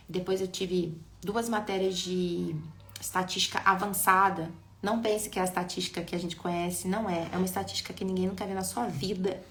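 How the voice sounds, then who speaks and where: A woman, an educator in neuroscience, giving a lively live talk and speaking straight to her viewers. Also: medium pitch, roomy sound, a little hiss or hum. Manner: animated, addresses viewers directly.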